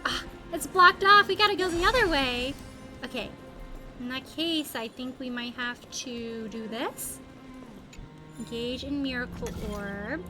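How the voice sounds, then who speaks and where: Over background music, a high-pitched woman live-streams a game at a measured pace. She talks casually to her viewers, thinking aloud in a playful, exclamatory way.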